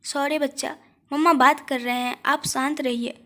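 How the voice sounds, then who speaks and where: A woman voicing a soft-spoken, polite young mother in an audio story. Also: high voice, steady tone, moderate pace. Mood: anxious.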